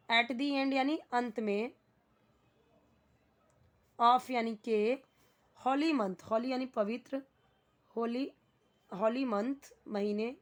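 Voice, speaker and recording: A young adult woman teaching English grammar, who reads English sentences slowly and then explains each word in Hindi. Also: fairly high pitch.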